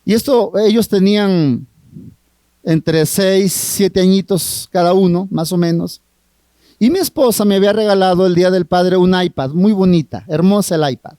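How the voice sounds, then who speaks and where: A middle-aged family therapist with a Mexican accent preaches a sermon at a marriage retreat, earnest and drawn out, often putting questions to the audience. His voice is high with a dark tone, in a dry recording.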